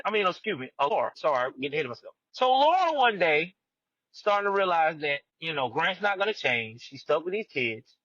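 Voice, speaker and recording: A man hosting a podcast, retelling a true-crime story in a slangy, animated way and talking straight to his listeners. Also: high-pitched, dry recording, lo-fi sound. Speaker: podcast host.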